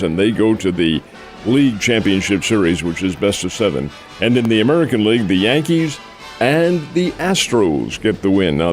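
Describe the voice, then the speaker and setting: An older man co-hosting a sports radio show, giving folksy rundowns of games and calling listeners "folks". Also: fairly low pitch. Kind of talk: casual sports radio chat.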